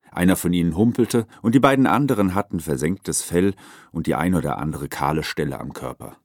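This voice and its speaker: A man narrating a chapter of a storybook with an expressive, lively delivery. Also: low voice, dry recording. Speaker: audiobook narrator. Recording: dry close recording.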